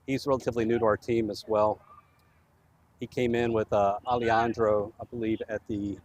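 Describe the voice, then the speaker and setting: A man's voice: on the low side, little pitch movement, moderate pace, darkish tone, a little hiss or hum. A man giving casual, chatty live commentary on a soccer match for the home club. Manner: chatty, easygoing, laughs easily.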